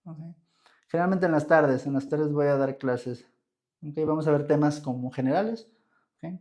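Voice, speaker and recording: A man's voice: on the high side, normal speed, a little mellow. A young man from Mexico with a Mexican Spanish accent, teaching English grammar on a live stream, chatting with viewers and checking in with "¿ok?" all the time. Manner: chatty, answers viewer comments, checks in with "¿ok?" often.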